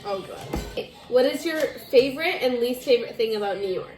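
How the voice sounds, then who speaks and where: A woman's voice: a little high, animated, a little fast, darkish tone. A woman in her twenties, drunk and giggly, chatting with a friend in a blurting, slightly muddled way with casual swearing. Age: 20s. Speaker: vlogger doing a drinking makeup challenge. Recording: echoey room, music behind.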